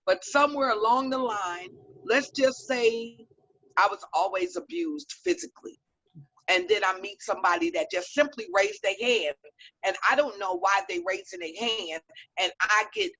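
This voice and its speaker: A woman guest telling a personal story in an earnest, reflective way with pauses, on a video call. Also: mid-range voice, a bit bright, no echo, lo-fi sound. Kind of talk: personal testimony in an online talk show.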